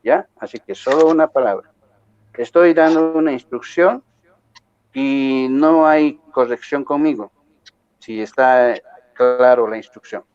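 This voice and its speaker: Unhurried and clear, the man's mid-range voice has a darkish, resonant tone as he teaches a university class. He's firm, restating points and repeatedly checking in with rhetorical questions, in a dry, muffled recording.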